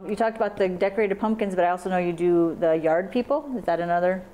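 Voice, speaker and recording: Brisk woman host asking questions. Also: fairly low pitch, dark tone, a little hiss or hum. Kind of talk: studio interview. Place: small TV studio. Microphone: lapel mic.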